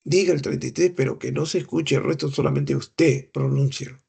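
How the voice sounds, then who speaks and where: A man's voice: mid-range voice, steady tone, a little fast, creaky, warm tone, breathy edge. A middle-aged man lecturing on clinical examination, explaining patiently, asking rhetorical questions and imitating breath sounds. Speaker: medical lecturer.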